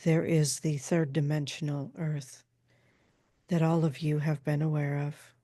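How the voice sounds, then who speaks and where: Woman channeling a slow, solemn spirit, seance-medium style. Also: sits low, level tone, mellow, no echo, studio quality. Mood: solemn, measured. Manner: slow, measured, halting, formal pronouncements. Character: calm, solemn female channeled spirit named Alma.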